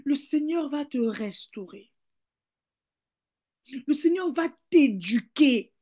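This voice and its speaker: A woman pastor giving a fervent sermon, repeating calls of hallelujah and beloved, swinging between emphatic peaks and soft asides. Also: sits high, animated, takes it slowly. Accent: French.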